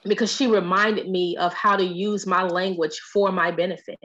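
A woman hosting a podcast in casual conversation, animated and playful. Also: on the low side, moderate pace, muffled recording. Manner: animated, playful, quotes friends in lively voices. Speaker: podcast host.

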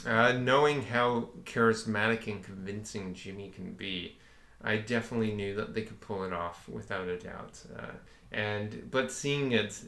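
A man with a somewhat low voice chats on a podcast, agreeing easily and asking his co-host questions. His voice carries a roomy echo, as if the room is bare. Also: normal speed, gravelly, bright, forceful tone. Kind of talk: casual discussion. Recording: echoey room.

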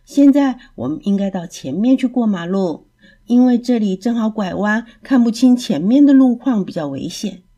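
A woman voicing a patient, kindly male cat who explains things gently in a storybook. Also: a little high, expressive, moderate pace, husky, muffled recording.

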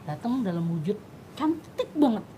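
A young woman chatting casually as a podcast guest, telling her stories in an animated way. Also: medium pitch, moderate pace, slight background noise. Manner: animated storytelling with laughs.

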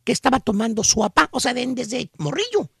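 A man's voice: very high-pitched, sing-song, fairly quick, vocal fry, exaggerated voice. A man voicing a cartoonish, teasing gossip storyteller with a Mexican accent, in slangy Chicano-style Spanish peppered with English, for a comic radio bit. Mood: teasing, excited.

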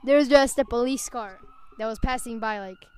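A woman's voice: on the high side, moderate pace, clear, resonant tone. A young woman co-hosting a casual podcast, rambling with lots of "like" and stopping to correct herself. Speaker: podcast co-host. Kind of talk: casual chat.

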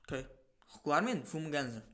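On his casual solo podcast, a young European Portuguese man spins animated stories full of slang, filler words, and now and then a swear. He talks at a normal speed in a slightly high voice.

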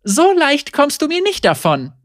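A man's voice: very high voice, wildly swooping pitch, a little slow, a bit bright, no room sound, studio quality, pitched above the performer's own voice, heavily acted. A man reading a story aloud and voicing a young woman who teases and firmly instructs her lover. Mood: playful commanding. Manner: playful yet firm, instructing. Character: teasing, commanding young woman, a gunfighter's lover.

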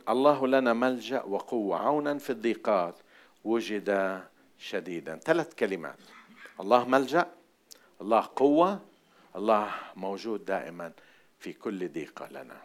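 A male pastor with a Jordanian accent delivers a sermon in a fairly low voice. He drops into soft, repeated asides, then rises into loud, emphatic declarations. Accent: Jordanian Arabic. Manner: dynamic preaching, swings from hushed asides to loud emphatic declarations.

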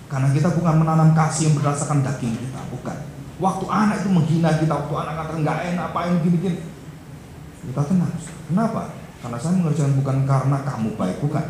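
A man's voice: mid-range voice, a little mellow. A middle-aged man preaching a sermon, telling stories and speaking directly to his congregation. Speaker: pastor. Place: large echoey church hall. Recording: very echoey hall, faint background hiss.

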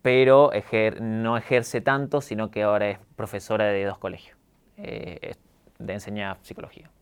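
Calm young Argentine man, smooth voice. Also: lowish voice, normal speed. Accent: neutralized Argentine Spanish. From Córdoba, Argentina. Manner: calm, reflective, candid. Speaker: guest, YouTuber. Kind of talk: casual interview talk.

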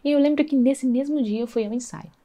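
A woman's voice: sits high, fairly quick, mellow. A woman sharing a personal faith testimony in an earnest, conversational way, often checking in with her listeners. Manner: earnest, conversational, acts out dialogue, frequent tag questions.

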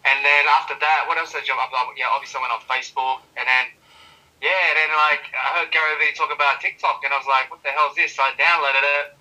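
A man chatting as an interview guest, loose and rambling, full of fillers and restarts. His voice is very bright and a little sharp. He sits back from the mic, so he sounds thin and far off. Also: mid-range voice, flat delivery, fast. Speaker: interview guest, social media creator. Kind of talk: casual interview chat.

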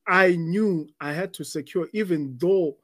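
A man's voice: high voice, measured pace, no echo, clean studio sound. A man co-hosting a casual podcast, explaining dating advice with business analogies, often restarting words.

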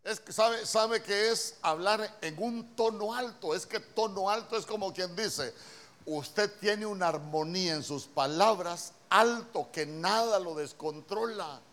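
Male preacher, Honduran accent, fairly high voice. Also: unhurried, fairly bright tone. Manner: conversational, asks the congregation questions. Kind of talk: sermon. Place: church.

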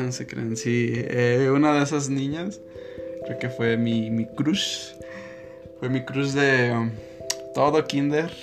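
A young man with a Mexican accent shares personal memories in an unhurried, rambling way. He often corrects himself mid-sentence and breaks into small laughs. Guitar music plays clearly behind his medium-pitched voice. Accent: Mexican Spanish. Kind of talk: casual personal storytelling.

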